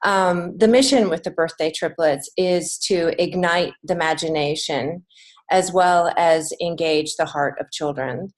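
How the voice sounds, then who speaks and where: An American woman, a children's author and creative writing teacher, appears as a podcast guest and explains things earnestly in a conversational interview. Her voice sits on the low side and moves a little slowly.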